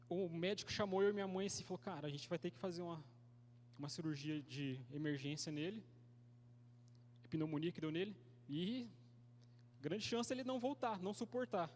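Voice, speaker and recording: A man's voice: high voice, slight background noise. A young man with a Brazilian Portuguese accent preaching a sermon, telling a personal story in a slangy, conversational way. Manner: slangy and conversational, calls listeners "cara"; acts out quoted voices in his story. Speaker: youth pastor preacher. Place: church hall. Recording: reverberant church hall.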